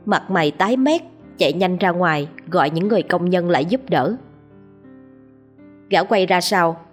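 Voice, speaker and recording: A woman narrating a written story in a calm, even manner. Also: on the low side, breathy edge.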